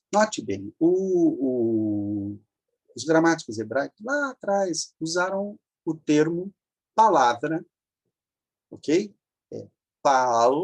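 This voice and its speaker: Teaching an online grammar lesson, a man with a fairly high-pitched voice patiently works through it step by step. He repeats the forms and checks in with the listener as he goes.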